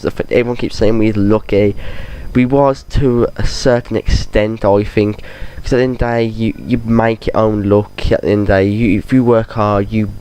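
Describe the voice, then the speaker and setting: A man's voice: lowish voice, dark tone, smooth. A man with a cold, chatting casually and rambling over game footage, often restarting his sentences as he talks about football. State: has a cold. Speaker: gaming channel host.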